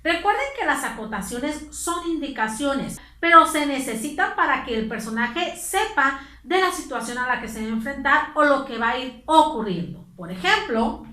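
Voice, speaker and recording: High, lively woman teacher. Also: moderate pace, roomy sound. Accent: Mexican Spanish. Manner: clear, patient explaining to pupils. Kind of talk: online class lesson.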